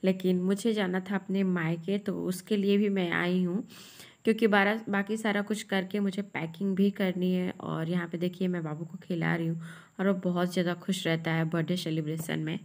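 A woman's voice: fairly low pitch, flat delivery, normal speed, darkish tone. A young woman narrating her family vlog in a chatty, homely way, talking straight to her viewers. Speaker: family vlogger.

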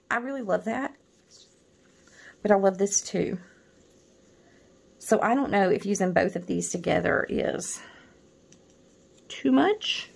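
A woman's voice: fairly low pitch, gravelly. A middle-aged woman chatting casually while showing off planner kits, rambling with many restarts and a tender, wistful tone. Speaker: planner vlogger.

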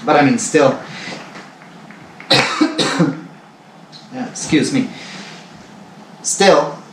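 A man's voice: on the high side, very slow, noisy background. A man in his forties from Canada, talking casually to camera in his living room and rambling with many fillers and repeats. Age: 40s. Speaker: vlogger. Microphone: far camera on a tripod. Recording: roomy, distant camera sound.

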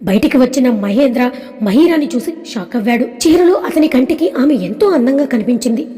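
A woman narrating a dramatic family story in a steady, scripted reading. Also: sits high, fairly quick. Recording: long reverb.

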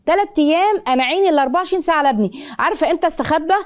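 A middle-aged woman with an Egyptian accent hosting a parenting advice show, giving rapid, animated answers to viewer questions with playful voices and many restarts. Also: high-pitched. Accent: Egyptian Arabic.

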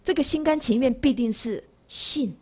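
A woman in her sixties from Taiwan, speaking, gives a lively Buddhist lecture in a classroom. She keeps asking her listeners rhetorical questions. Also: sits high, moderate pace. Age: 60s.

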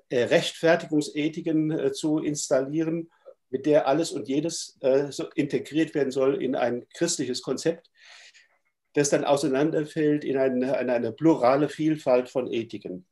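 A middle-aged man with a warm, fairly high-pitched voice and a stuffy cold lectures from a room at home. Thoughtful and hesitant, he speaks over a video call through a webcam.

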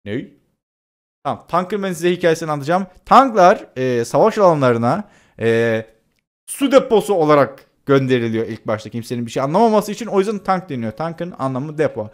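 A man's voice: a little high, sing-song, a little fast. A young man casually commenting on a video game while he plays, chatty and joking, with many filler sounds. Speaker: gameplay commentator. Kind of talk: casual let's-play commentary.

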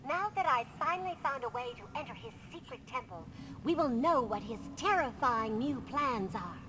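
A woman's voice: high-pitched, expressive, normal speed, noisy background. An actress playing a plucky female cartoon duck giving a dramatic live news report in a game cutscene. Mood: urgent, secretive. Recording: game audio under loud music.

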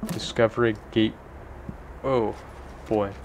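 A young man talks through a game in a loose, rambling way, mocking himself and swearing offhandedly. His voice sits a little low. A faint hiss runs under it. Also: level tone, takes it slowly. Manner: rambling, self-deprecating, swears casually. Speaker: gaming video creator. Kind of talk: casual gameplay commentary.

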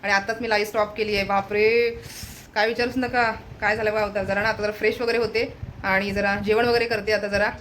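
A woman's voice: medium pitch, level tone, fairly quick, a bit bright, slight background noise. A woman chatting casually to her viewers in a home vlog, talking straight to the camera and cooing to her pet now and then. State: low-voiced from fasting. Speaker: vlogger.

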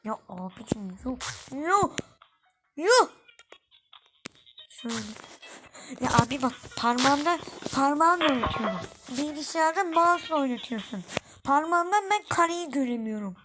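A woman hosting a casual gameplay video, talking through a phone game and breaking into frustrated, excited exclamations. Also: high voice, a little slow, pauses often, a little hiss or hum, rough recording. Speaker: gameplay channel host. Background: background music.

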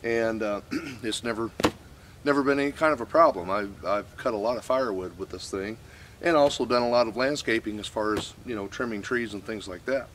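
A man's voice: lowish voice, fairly quick, fairly bright tone, a little hiss or hum. An older man hosting his channel, casually explaining and demonstrating a chainsaw in a wooded lot, folksy and plain with fillers, recorded by a camera mic. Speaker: channel host reviewing a chainsaw.

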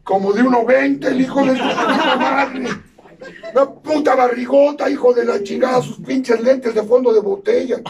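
A Mexican man with a Mexican Spanish accent giving crude, profanity-laden testimony at a support meeting, bursting into shouts. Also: very high-pitched, steady tone, moderate pace, creaky, over a noisy crowd. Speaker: recovery group speaker. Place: meeting hall. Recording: distant mic in a noisy crowded room.

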